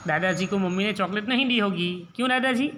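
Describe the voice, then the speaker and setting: A man doing a small, innocent boy, squeaky and curious, asking cheeky questions. The voice is pushed far above his own, with a faint hum of noise behind it. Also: quick pace, bright, forceful tone.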